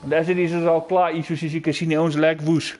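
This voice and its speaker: A man's voice: on the high side, little pitch movement, fast talker, darkish tone, a little hiss or hum. A South African man with an Afrikaans accent, giving casual live commentary on a sim racing stream. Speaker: esports race commentator.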